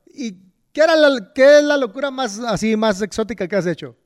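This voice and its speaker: A man's voice: very high voice, lively intonation, a little fast. A man with a Mexican accent in casual chat, often repeating words as he talks.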